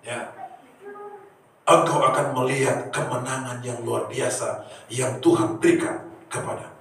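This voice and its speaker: A man preaching a sermon to a congregation, swinging from soft asides to shouted high peaks. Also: little pitch movement, a little slow, vocal fry, slight background noise. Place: church hall. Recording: echoey church from far off.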